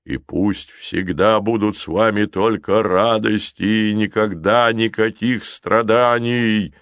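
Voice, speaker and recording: A man's voice: lowish voice, steady tone, slow pace, no echo, clean studio sound. A man voicing Zefir the urgent giant. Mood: farewell. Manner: urgent commanding shouts. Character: huge kindly male giant, gruff and urgent.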